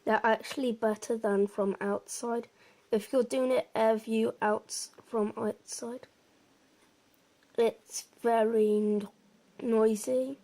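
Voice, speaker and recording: A woman with a fairly high, mellow voice presents a casual game walkthrough, speaking very slowly and staying quite level and steady. Her informal explanations meander, with a little hesitation.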